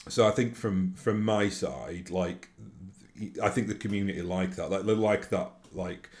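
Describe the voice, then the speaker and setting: A YouTube host from Yorkshire, England, talks casually to his viewers in a solo monologue, rambling with lots of fillers and restarts in a broad Yorkshire accent. His voice sits low and a little mellow, and he speaks a little slowly.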